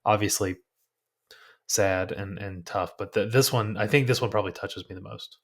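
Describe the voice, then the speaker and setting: A man's voice: on the low side, steady tone, normal speed, fairly bright tone. A man co-hosting a movie podcast in casual chat, earnest and enthusiastic. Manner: earnest, enthusiastic, self-correcting. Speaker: podcast co-host.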